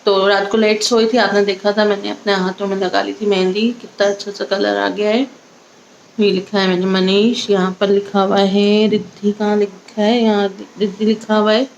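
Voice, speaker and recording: Chatty woman with a gravelly voice. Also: mid-range voice, flat delivery, moderate pace, lo-fi sound, a little hiss or hum. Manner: chatty, addresses viewers directly. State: slight cough. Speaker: vlogger. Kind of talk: casual vlog narration.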